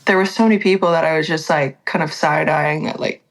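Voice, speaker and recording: Low-voiced woman chatting candidly. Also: steady tone, brisk, gravelly, a little hiss or hum, low-quality recording. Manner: chatty, lots of "like" fillers, candid. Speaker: singer-songwriter guest. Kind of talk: casual podcast conversation.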